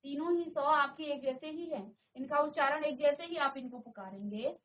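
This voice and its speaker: A woman teaching a class, slowly sounding out syllables aloud for her pupils to repeat. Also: high-pitched, phone-quality sound. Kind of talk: classroom lesson. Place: studio virtual classroom.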